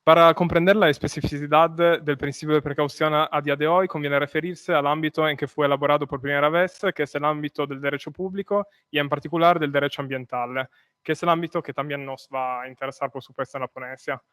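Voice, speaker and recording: A man's voice: on the high side, steady tone, fast talker, fairly bright tone, clear, resonant tone, no room sound, studio quality. A man who is not a native Spanish speaker presents an academic paper, hesitating and correcting himself as he goes. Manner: hesitant, with repeated words and self-corrections. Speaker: conference speaker.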